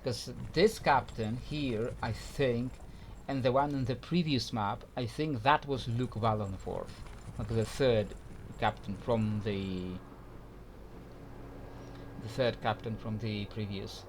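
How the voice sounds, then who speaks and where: A man's voice: medium pitch, slow pace, slight background noise. A man giving casual let's play commentary in a rambling, self-deprecating way. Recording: game sounds behind the voice.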